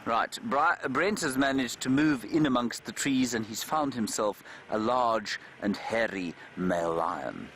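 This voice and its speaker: A man's voice: medium pitch, animated, measured pace, hardly any pauses, fairly bright tone. A man presenting a live savanna safari, commentating off the cuff. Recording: noisy vehicle ambience with clicks.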